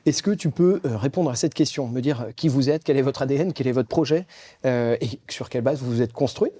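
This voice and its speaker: A man's voice: mid-range voice, fairly quick, warm tone. A man hosting a business interview, asking casual, teasing questions. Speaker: host.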